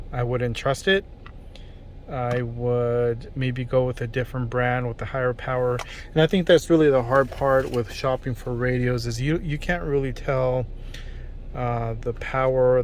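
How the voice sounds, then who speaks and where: A man's voice: medium pitch, slight background noise. A man giving casual, off-the-cuff vlog commentary as he tests a product. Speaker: product reviewer. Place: in or beside a car at a mall.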